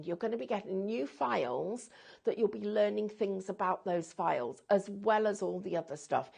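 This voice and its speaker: A woman hosts a live craft shopping broadcast with chatty, enthusiastic sales patter. Her voice has a strong gravelly fry and a husky edge. She jokes easily with her co-presenter as she pitches to the audience. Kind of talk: live shopping-show chat.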